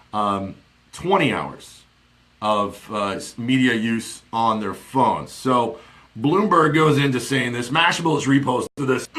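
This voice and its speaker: In a small home office, a man in his forties chats his way through a casual live stream, full of fillers and tangents. He speaks into a desk studio mic with headphones, his voice mid-range and fairly bright.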